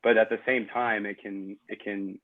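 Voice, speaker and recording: A man hosting a podcast, asking relaxed, thoughtful questions in casual conversation. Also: on the low side, normal speed. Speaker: podcast host. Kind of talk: casual interview chat. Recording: tinny phone-like audio.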